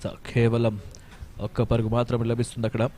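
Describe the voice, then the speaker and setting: A man with a Telugu accent giving excited live cricket commentary, mixing in English cricket terms. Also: medium pitch, fast. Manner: excited, animated calls of wickets and boundaries. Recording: faint stadium noise behind.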